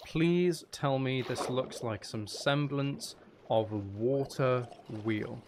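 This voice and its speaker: A livestream host with a medium-pitched voice talks slowly over background noise. He chats casually on his gaming stream, thinking aloud while he builds and joking with viewers, swearing mildly now and then.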